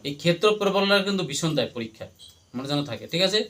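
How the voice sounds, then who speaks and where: A male teacher with a high, bright voice races through a classroom lesson. He drills his students by asking the same questions again and again so they chant the answers back. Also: animated, fast talker. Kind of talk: classroom lesson with call-and-response.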